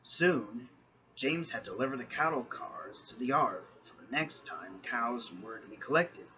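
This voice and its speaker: A male storyteller reading a children's train tale at an unhurried pace with a lively, bright voice. The sound is dull and lo-fi, with a faint hiss underneath. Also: medium pitch. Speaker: narrator. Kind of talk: storybook narration.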